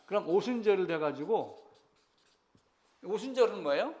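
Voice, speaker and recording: Guy pastor giving a sermon, kinda high voice, asks the room questions, gets loud then drops to almost a whisper. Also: animated, normal speed.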